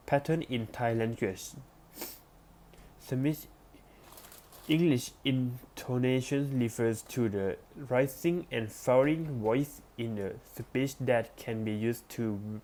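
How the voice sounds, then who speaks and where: A man with a darkish, middle-pitched voice reads an academic text aloud to teach a lesson. He goes very slowly and carefully, savoring each phrase, with small restarts whenever he backs up over a word.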